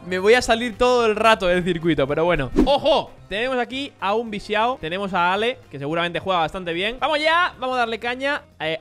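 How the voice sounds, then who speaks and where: A young man commentating his own kart race, joking and swinging mumbled asides to loud yelps. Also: high-pitched. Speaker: gaming streamer. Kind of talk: excited live gameplay commentary.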